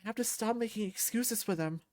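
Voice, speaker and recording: Young male fighter near tears, read by a woman, quiet, shaky, hesitant. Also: medium pitch, brisk, dry recording, studio quality, lightly acted. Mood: tearful. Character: guarded young man, fighter, tearful.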